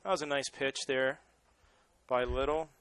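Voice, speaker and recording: A man's voice: mid-range voice, fairly even intonation, unhurried, fairly bright tone, clear, resonant tone, dry recording. Male baseball announcer with a Boston accent. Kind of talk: live sports commentary with casual banter.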